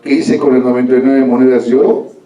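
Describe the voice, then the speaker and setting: A gentle, modest storybook cook, answering with quiet calm, as a male storyteller voices him. The tone is dark and mellow, picked up from afar in a reverberant hall. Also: medium pitch, quick pace, highs cut off, lightly acted. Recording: echoey hall from far off.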